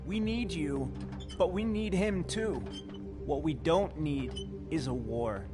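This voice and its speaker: A man's voice: fairly high pitch, lively intonation, takes it slowly, over music. Earnest, anxious doorman. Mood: earnest, defensive. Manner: polite, pleading, hesitant. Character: earnest, humble young doorman, loyal and anxious. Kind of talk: video game acting.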